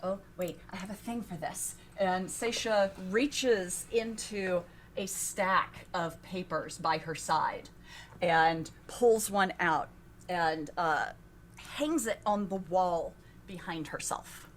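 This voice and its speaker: A woman narrating as game master of a tabletop game, halting and restarting as she describes scenes. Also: lowish voice, slight background noise.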